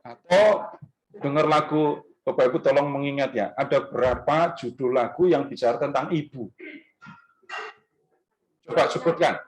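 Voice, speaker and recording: This Easter talk to a church group takes place in a restaurant function room, where the speaker chats conversationally and often puts questions to his listeners. His medium-pitched voice runs at a moderate pace with frequent pauses, animated and rising on key words, in a rough recording.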